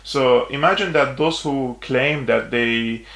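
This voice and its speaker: A man's voice: medium pitch, creaky, fairly bright tone. Syrian man explaining, in a roomy echo. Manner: measured, explanatory, frequent hesitations. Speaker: political journalist guest. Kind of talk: interview answers.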